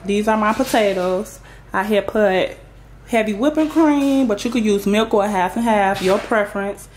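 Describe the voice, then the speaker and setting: In her home kitchen, a woman in her thirties runs a casual cooking vlog, chatting playfully and calling her viewers y'all with sing-song exclamations. Her voice is mid-pitched, a little mellow, and at a normal pace. A distant tripod camera picks up roomy kitchen sound with slight background noise.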